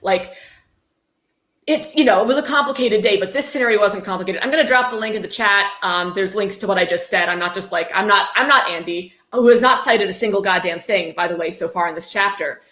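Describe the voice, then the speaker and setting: A woman with a pushed, bright, medium-pitched voice reads a book a little fast while hosting a casual livestream. She mixes in blunt, wry, sarcastic remarks, and the audio sounds roomy and echoey.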